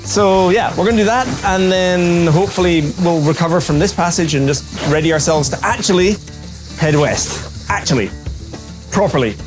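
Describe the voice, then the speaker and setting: A man with a high voice speaks at a normal speed over music. He's a sailing vlogger aboard a boat at sea, narrating casually and wryly to the camera.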